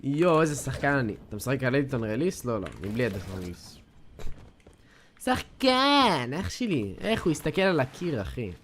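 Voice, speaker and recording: An eighteen-year-old Israeli man streams a game live, boasting and trash-talking to his chat in hyped slang. His medium-pitched voice is animated, with hardly any pauses, and a faint hiss or hum sits under the recording.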